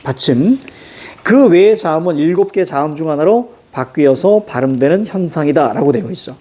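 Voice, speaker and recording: A middle-aged man with a Seoul accent teaching a Korean language lesson, animated and joking with students, repeating cue words. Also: a little high, normal speed. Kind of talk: lively classroom lecture.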